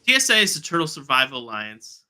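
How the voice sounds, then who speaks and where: Lively, bright-voiced male stream host. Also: mid-range voice, quick pace. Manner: chatty, trails off and restarts, jokes about acronyms. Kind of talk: casual live-stream chat.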